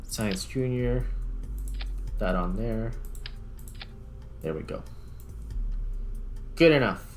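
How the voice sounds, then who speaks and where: A man with a fairly low voice draws out his words and pauses often as he casually comments on his gameplay for a video. Music plays behind him, and there's a little hiss or hum in the recording.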